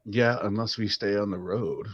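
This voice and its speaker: A man's voice: on the low side, fairly even intonation, moderate pace, no room sound, muffled recording. A man playing in a tabletop game over online group voice chat, making brief, practical remarks. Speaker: player. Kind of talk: casual game talk.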